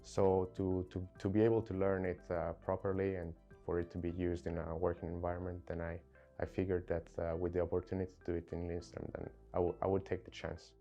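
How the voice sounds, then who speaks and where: A young man from Italy with an Italian accent, giving a corporate interview in an earnest, halting way with many fillers. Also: sits low, monotone, highs cut off. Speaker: credit control specialist. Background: soft music.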